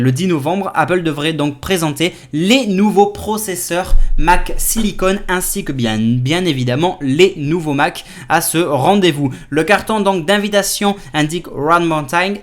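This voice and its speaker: A man presenting a casual tech news vlog, talking in a lively way with many fillers and restarts. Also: a little high. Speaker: tech YouTuber.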